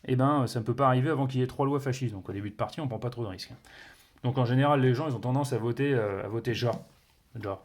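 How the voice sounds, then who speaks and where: Guy explaining a board game, lots of ums and restarts, tosses in little sound words, mid pitch. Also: rapid-fire. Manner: hesitant, many fillers and self-corrections; punctuates with playful sound words. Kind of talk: casual explanation of game rules.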